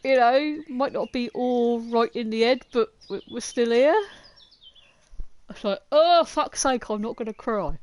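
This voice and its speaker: A woman's voice: on the high side, unhurried. Joking, swearing woman streamer. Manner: self-mocking, swears a lot, laughs often. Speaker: game streamer. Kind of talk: casual live gaming commentary. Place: home streaming setup.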